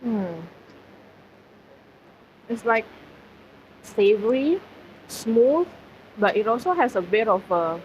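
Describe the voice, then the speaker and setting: A woman's voice: a little high, big pitch swings, slow pace, pauses often, a little mellow. Chatty woman streaming from a food centre. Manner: chatty, filler-heavy, talks to chat. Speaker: live streamer. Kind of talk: casual food streaming chat. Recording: slightly dull audio, faint background noise.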